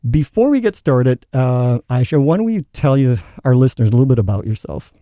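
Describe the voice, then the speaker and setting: A man's voice: mid-range voice, big pitch swings, brisk, dark tone, no room sound. A middle-aged man from Newfoundland with a Newfoundland accent, hosting a show and telling an earnest personal story before an interview. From Newfoundland, Canada. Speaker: podcast host.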